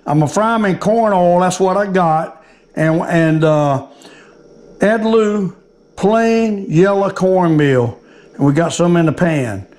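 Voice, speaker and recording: An older Southern US man hosting a cooking and fishing video talks viewers through a how-to in a casual, folksy old-fisherman way, often repeating his phrases. His voice is high and slow, with a darkish tone.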